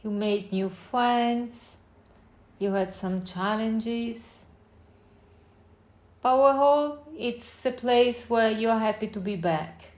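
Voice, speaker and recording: A woman leads a guided meditation, a slow spoken visualization, instructing gently in short, unhurried phrases separated by long pauses. She speaks slowly, with a fairly high pitch.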